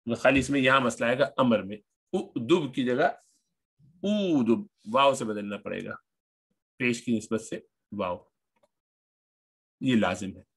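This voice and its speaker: A man's voice: mid-range voice, fairly even intonation, moderate pace, gravelly, long pauses, fairly bright tone, breathy edge. A man teaching an Arabic grammar lesson, patiently repeating each word form as he explains it.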